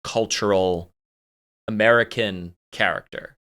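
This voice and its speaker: A man's voice: lowish voice, fairly even intonation, measured pace, pushed and bright, clear, resonant tone. A man hosting a casual interview, asking curious, rambling questions. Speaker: podcast host.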